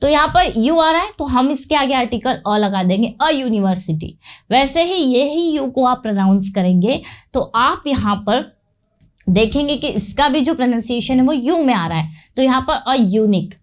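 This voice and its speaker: A woman's voice: high voice, lively intonation, normal speed. A woman with an Indian accent teaching an English grammar lesson, explaining step by step and asking and answering her own questions.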